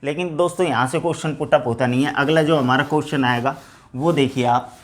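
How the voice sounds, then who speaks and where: Speaking a little fast, a male teacher leads an exam-prep grammar session, calling his students friends. He throws out rhetorical questions and answers them himself, his voice falling lower and quieter on each reply.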